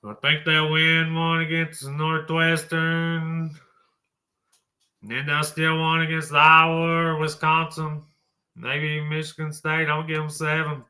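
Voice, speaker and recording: Blunt man, very bright tone. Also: a little high, completely flat delivery, slow. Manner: blunt, folksy, swears casually. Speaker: college football show host. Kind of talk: opinionated sports talk.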